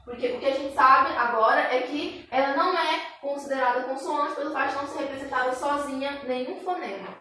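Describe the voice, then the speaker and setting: A woman's voice: sits high, steady tone, bright, forceful tone. Patient woman teacher in echoey room. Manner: patient, repeats examples slowly, tag questions. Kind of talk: online grammar lesson. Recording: echoey room, distant mic, faint hiss.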